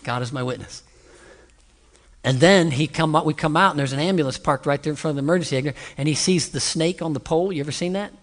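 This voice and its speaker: A middle-aged man preaching a storytelling sermon, animated and conversational, with asides to the listeners. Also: a little high, fast. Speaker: pastor. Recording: hall reverb.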